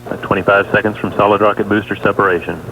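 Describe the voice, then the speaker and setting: A man's voice: fast talker, vocal fry. A man giving live flight status commentary from mission control in clipped, factual callouts. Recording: noisy broadcast with steady rumble.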